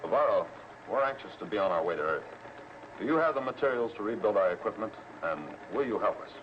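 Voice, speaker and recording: A man's voice: fairly low pitch, expressive, quick pace, close to an everyday voice. A man playing an earnest spaceship scientist in a 1950s sci-fi serial, speaking formally. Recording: dull old film soundtrack, faint noise.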